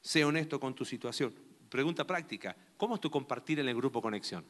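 Young male pastor with a bright, forceful voice who keeps quizzing his congregation. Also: medium pitch, animated, brisk. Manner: conversational, asks the listeners many rhetorical questions. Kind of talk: sermon.

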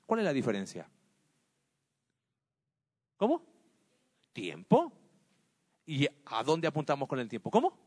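A man's voice: medium pitch, wildly swooping pitch, a little slow, pauses often, a little mellow, slightly rough, big-room sound. A man teaching a Bible study lesson. He asks his listeners questions, answers them himself and explains with everyday examples.

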